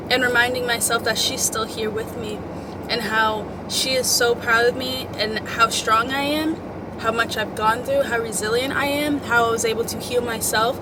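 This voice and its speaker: A woman's voice: fairly high pitch, background noise. A young woman chatting casually to her followers, giving motivational advice in an emphatic, girlfriend-to-girlfriend way. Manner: chatty, emphatic girl-talk with swearing and pet names. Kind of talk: casual motivational chat to the audience.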